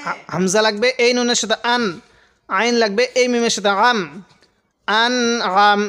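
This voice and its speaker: A man teaching Quran reading in a lesson, spelling out each word slowly and pausing for viewers to repeat after him. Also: high-pitched, fairly even intonation, sharp tone. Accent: Bangladeshi Bengali. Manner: slow drawn-out syllable-by-syllable recitation, then quicker plain explanation; addresses viewers directly and pauses for them to repeat.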